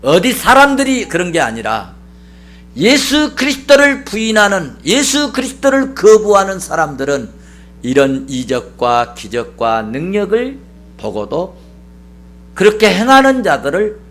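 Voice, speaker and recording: Male pastor, middle-aged, sermon delivery; high, very lively pitch, emphatic and repetitive. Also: a little slow. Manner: emphatic preaching with rhetorical questions and repetition.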